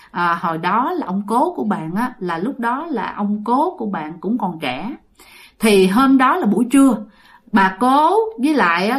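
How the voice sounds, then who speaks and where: Chatty woman storyteller. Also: a little high. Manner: chatty, addresses listeners often, many fillers. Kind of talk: ghost story narration.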